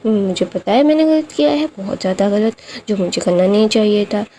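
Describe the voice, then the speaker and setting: A woman voicing a timid, childlike young man who pleads and apologizes in a halting way. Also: medium pitch, lively intonation, mellow, a little hiss or hum, lightly acted. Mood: apologetic.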